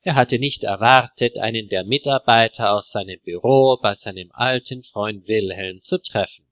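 A man narrating a simple story in a clear, deliberate way for language learners. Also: fairly low pitch, a bit bright, dry recording.

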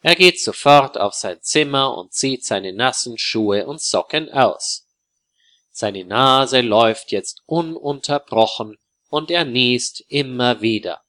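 A man narrating a story for learners in a slow, calm, clearly articulated reading. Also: medium pitch.

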